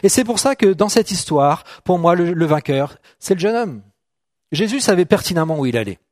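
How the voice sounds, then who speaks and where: A middle-aged man delivers a sermon in a relaxed, conversational way, often asking "d'accord?" and joking with the people in front of him. His voice sits a little high for a man, and the sound is dry and close. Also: moderate pace, no room sound. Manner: conversational, checks in with "d'accord?", jokes with the congregation. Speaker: preacher. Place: church hall.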